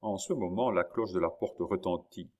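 A man's voice: deep voice, normal speed, a little mellow. A man narrating a classic novel as an audiobook, telling the story expressively.

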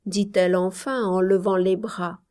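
A woman narrating a story aloud in a soft, hushed, measured voice. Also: medium pitch, steady tone.

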